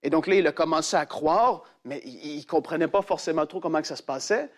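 A man preaching, telling a testimony dramatically and acting out the quoted voices. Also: fairly quick. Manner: animated storyteller who acts out quoted voices in a much higher pitch. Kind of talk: sermon storytelling.

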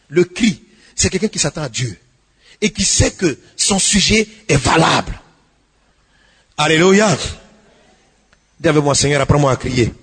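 Male pastor, high and husky, preaching with big swings from hushed pleas to shouts, reverberant hall. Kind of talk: sermon.

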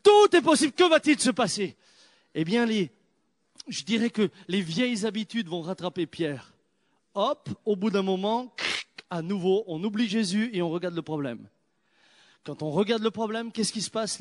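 Animated, high-voiced man preaching a sermon. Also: normal speed. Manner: animated storytelling, swinging from loud exclamations to hushed prayer.

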